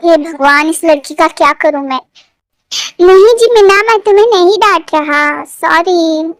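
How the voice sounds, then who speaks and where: A woman's voice: extremely high pitch, a little slow, no echo, clean studio sound. A woman voicing a proud, brusque young man in a fan fiction story read aloud, speaking curtly.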